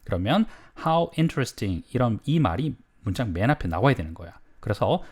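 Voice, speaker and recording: A man teaching an English lesson, prompting learners to repeat, and reading model sentences slowly and deliberately. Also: medium pitch, sing-song, a little mellow, breathy edge. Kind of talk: drill-style language lesson.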